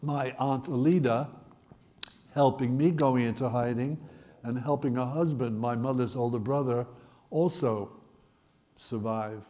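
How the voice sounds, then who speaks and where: A man in his eighties from the Netherlands, telling his life story in a wry, gently humorous way. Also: medium pitch, measured pace, pauses often. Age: 80s. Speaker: Holocaust survivor speaker. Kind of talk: personal storytelling talk.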